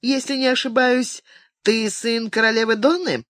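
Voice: medium pitch, sing-song, moderate pace, a bit bright, dry recording, clean studio sound. A reader doing a mocking teenage girl. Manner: ironic, teasing.

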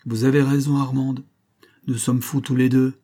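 A man's voice: mid-range voice, level tone, normal speed, mellow, lightly acted. A man reading aloud and voicing a heartbroken young man with impassioned, anguished outbursts.

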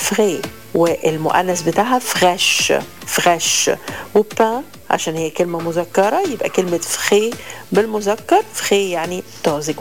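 Low-voiced Egyptian woman teaching French. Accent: Egyptian Arabic. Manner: repeats French phrases slowly and spells them out letter by letter. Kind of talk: radio language lesson.

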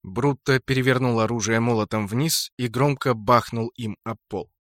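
An audiobook narrator, a man with a medium-pitched voice, reads a first-person fantasy novel at a moderate pace in a steady storytelling manner. The recording is dry and of studio quality.

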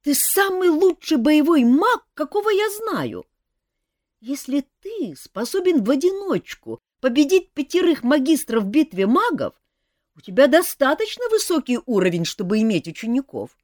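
A woman's voice: sits high, big pitch swings, normal speed, darkish tone, dry recording, studio quality, pitched above the performer's own voice. A woman voicing a young male elf prince who talks in an earnest, pleading way.

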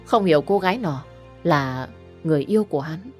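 A woman's voice: low-pitched, expressive, brisk, husky, soft background music. A woman doing a stern middle-aged father. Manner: stern, scolding.

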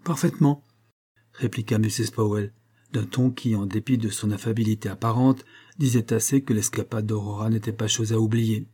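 A man narrating a novel as an audiobook in a measured, even reading manner. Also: fairly low pitch, slightly rough.

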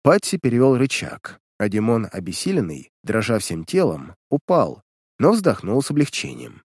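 Male narrator, animated storytelling, lively pitch, dry close sound. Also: normal speed, husky, no room sound. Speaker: audiobook narrator. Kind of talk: audiobook reading of a pulp detective story.

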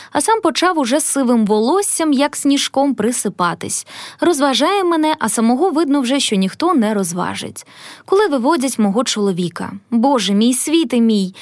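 A woman reads a literary tale aloud, her voice climbing high and swooping through a wide, lively range. The recording is close and dry, with no room echo. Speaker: audiobook narrator. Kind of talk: expressive literary narration.

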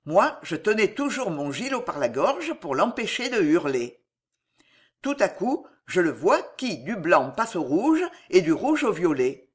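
An audiobook narrator reading a French adventure novel in an animated storytelling manner. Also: mid-range voice, unhurried, husky.

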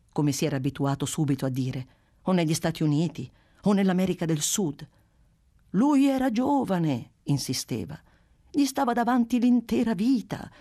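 A reader giving a measured, expressive literary narration. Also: mid-range voice. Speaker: audiobook reader.

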